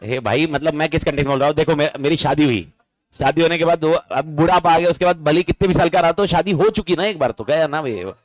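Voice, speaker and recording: A male teacher giving a lively classroom lecture, bantering and firing questions at his students. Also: fairly high pitch, fast, no echo, low-quality recording.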